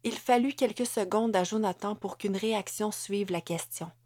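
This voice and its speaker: A woman narrating an audiobook in a measured way, sometimes sinking to a whisper. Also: mid-range voice, a little mellow, no echo.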